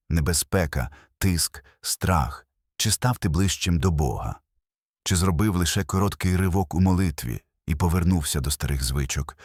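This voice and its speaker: A man's voice: extremely low pitch, husky, no echo, clean studio sound. A man delivering a scripted sermon narration as a preacher, solemn and emphatic, building with short repeated phrases.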